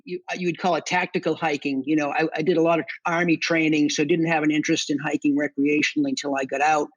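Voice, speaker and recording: Talking fast with a flat delivery, this Boston-accented middle-aged interview guest, an army veteran and section hiker, shares his experiences in a matter-of-fact, conversational way. His voice is a little high and fairly bright. The recording is dry.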